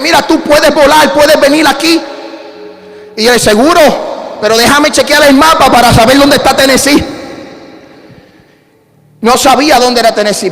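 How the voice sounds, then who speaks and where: A man with a Puerto Rican accent, a pastor telling a personal story in a sermon with lively calls to his congregation. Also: very high-pitched. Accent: Puerto Rican Spanish. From Puerto Rico. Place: church sanctuary. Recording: church hall reverb.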